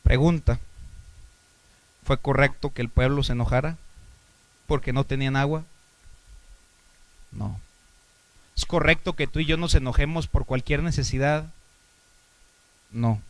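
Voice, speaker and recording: A Mexican pastor delivers a sermon in Mexican-accented Spanish, his medium-pitched voice unhurried and broken by long pauses, with no room sound. He puts rhetorical questions to the congregation, shifting between loud exhortation and quiet asides.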